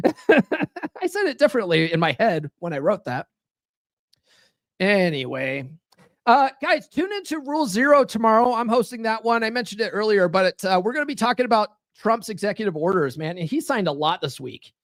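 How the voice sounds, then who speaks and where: In a loose, profane podcast monologue streamed live, a man with a fairly high voice rambles on, leaning on fillers and tossing "right?" at the listener. He's very animated at a normal speed, with a fairly bright tone. The sound is dry and close, with no room sound.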